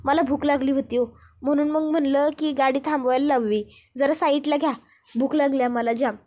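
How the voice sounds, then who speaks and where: A woman's voice: sits high, steady tone, brisk, darkish tone, lightly acted. A woman doing a chatty, sly village girl. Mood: teasing. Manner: rustic village speech, pleading.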